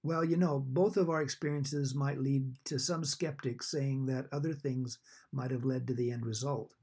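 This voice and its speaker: A man's voice: mid-range voice, fairly even intonation, moderate pace, a little mellow, slightly rough. A middle-aged or older man speaking conversationally as a podcast co-host.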